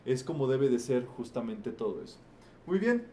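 A man's voice: mid-range voice, big pitch swings, moderate pace, mellow. A man facilitating a group teaching session, asking the participants questions and repeating their answers back with a frequent "¿verdad?". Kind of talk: interactive group teaching talk.

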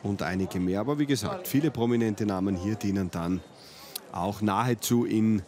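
A man's voice: lowish voice, moderate pace, crowd noise. A man commentating live at a ski event, reeling off race statistics in an informative way. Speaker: sports commentator.

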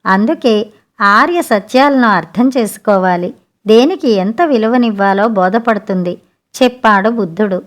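A woman narrating an audiobook fable in a steady storytelling manner. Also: mid-range voice, normal speed.

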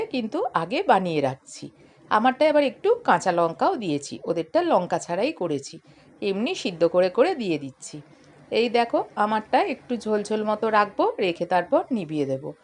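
A middle-aged woman with a hoarse, coughing voice, chatting straight to her viewers in a casual daily vlog. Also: mid-range voice. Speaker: vlogger.

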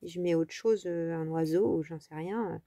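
A woman's voice: on the low side, normal speed, mellow, no echo. A French woman hosting a casual crafting tutorial, talking in a chatty, rambling way with many fillers.

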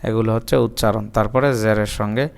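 A man teaching Quran reading, spelling out each letter and its sound slowly and patiently in a recitation lesson. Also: on the low side, little pitch movement, creaky, darkish tone, clear, resonant tone.

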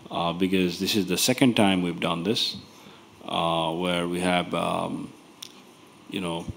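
A man chairing a conference members meeting from a panel table, speaking in an unhurried, informal way. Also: deep voice.

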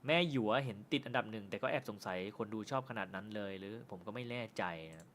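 Bright-voiced, joking streamer man. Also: lowish voice, slight background noise. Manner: loose and joking, with frequent swearing; says he stumbles and stutters when talking fast. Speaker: film review channel host. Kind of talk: casual live-stream chat with viewers.

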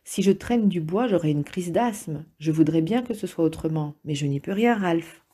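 A woman reading the part of an anxious asthmatic schoolboy, plaintive and apologetic, in a husky voice. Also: on the low side, lively intonation, moderate pace, mellow.

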